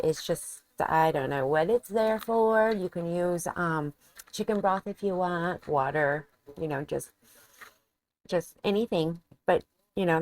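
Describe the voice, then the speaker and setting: A woman's voice: fairly low pitch, a little mellow, no room sound. A woman vlogging a cooking demonstration in her home kitchen, chatting casually and thinking aloud as she cooks and tastes.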